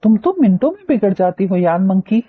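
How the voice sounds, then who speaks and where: A woman's voice: mid-range voice, expressive, brisk, breathy edge, phone-quality sound. A woman reading a novel aloud, voicing a teasing, mischievous young man who mocks a girl. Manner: mocking, teasing.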